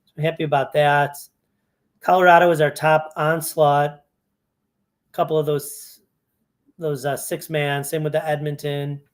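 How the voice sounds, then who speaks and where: A man's voice: a little high, level tone, measured pace, pauses often. A man talking through fantasy hockey lineups in a casual walkthrough, thinking aloud and correcting himself as he goes. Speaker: fantasy sports analyst. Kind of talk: casual screen-share walkthrough.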